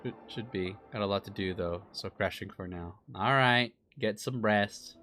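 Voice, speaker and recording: A man live-streaming his reaction to a game, chatting casually with viewers in an animated, talkative way. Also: lowish voice, moderate pace, faint music behind.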